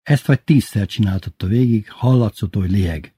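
A man reading a first-person story aloud in a lively, wry way. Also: lowish voice, slightly rough, no echo, studio quality.

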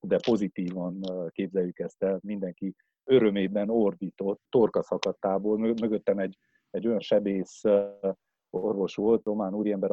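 A man with a lowish, mellow voice recounts a trip in a loose, unhurried way, pausing on filler sounds and breaking off to restart his sentences. The recording is somewhat dull and lo-fi. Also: slight background noise. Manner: hesitant, many filler sounds, halting restarts. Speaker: tour guide. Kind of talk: casual travel storytelling.

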